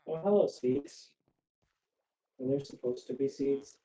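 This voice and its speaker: Slow, mellow streamer with robotic distortion. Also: medium pitch. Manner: chatty, laughs often, fusses over tech trouble. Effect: robotic voice-chat distortion. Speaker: streamer playing with a friend. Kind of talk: casual gaming chat.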